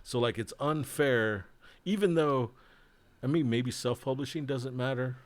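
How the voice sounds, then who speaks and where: A man's voice: medium pitch, a little slow. A man co-hosting a casual chat about board games, joking and laughing often, trailing off mid-thought. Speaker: co-host, board game designer.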